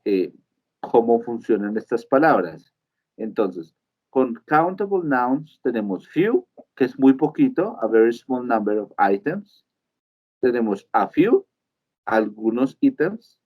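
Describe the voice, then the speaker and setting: A male English teacher gives a live online lesson, explaining things step by step and regularly checking in with his students. His voice sits in the mid range, and the audio sounds dull.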